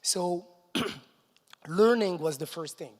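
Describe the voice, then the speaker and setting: A man from Morocco, giving an energetic stage presentation at a conference and chuckling between points. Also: sits high, very slow. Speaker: conference speaker. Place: large conference hall stage. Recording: long reverb of a large hall.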